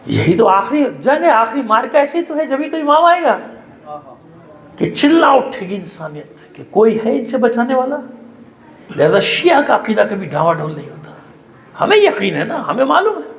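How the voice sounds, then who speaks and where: Male cleric with a Karachi Urdu accent, high-pitched and swooping majlis sermon, roomy mosque echo. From Pakistan. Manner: rising to emotional high-pitched cries, drawn-out lament. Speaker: cleric delivering a mourning sermon. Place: mosque congregation hall.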